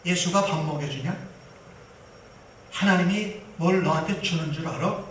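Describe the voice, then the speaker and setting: A man's voice: a little high, normal speed, far from the mic, slight background noise, close to an everyday voice. A man voicing a worldly middle-aged father who scolds his son and brushes off his faith. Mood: scolding. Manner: dismissive and scolding. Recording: roomy hall from afar.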